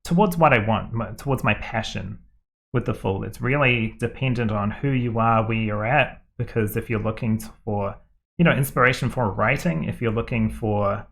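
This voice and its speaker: A man reads tarot cards for viewers in a fairly low voice. He talks in a rambling, hesitant way, full of fillers and restarts. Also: moderate pace, creaky, fairly bright tone. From New Zealand. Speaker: tarot card reader.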